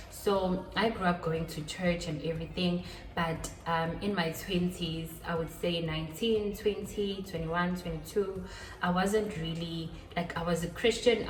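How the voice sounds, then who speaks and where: A woman in her twenties hosting her own vlog, talking casually and a bit self-deprecatingly, often repeating herself. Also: on the low side. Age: 20s. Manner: chatty, self-deprecating, with quick laughs and repetitions. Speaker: channel host. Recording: roomy echo, a little far from the mic.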